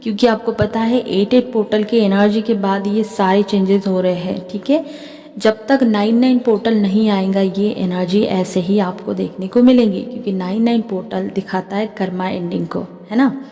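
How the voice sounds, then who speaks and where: A woman's voice: mid-range voice, fairly even intonation, moderate pace, warm tone. Chatty Indian woman healer in reverb. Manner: chatty, keeps adding "theek hai". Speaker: spiritual healer and tarot reader. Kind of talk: spiritual channeling talk to camera.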